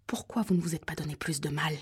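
A woman voicing an agitated male caller with a high, metallic voice who whispers threats in an audiobook. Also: fast, slightly rough. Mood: menacing.

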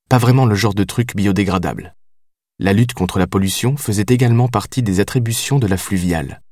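Low-voiced male audiobook narrator. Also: a little mellow, no echo, clean studio sound.

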